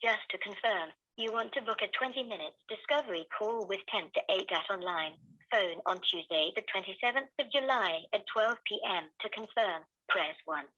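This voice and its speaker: Bright automated woman's voice on a phone speaker. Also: medium pitch, no room sound. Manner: even, measured, clearly spaced prompts. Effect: automated phone voice heard through a speakerphone. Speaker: automated phone booking system. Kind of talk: recorded menu prompts. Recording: tinny phone speaker, dull and dry.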